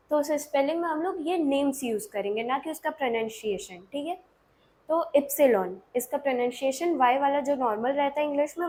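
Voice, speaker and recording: A woman's voice: high voice, darkish tone, a little hiss or hum. A woman with an Indian accent teaching a beginner language lesson, explaining patiently step by step and checking in often.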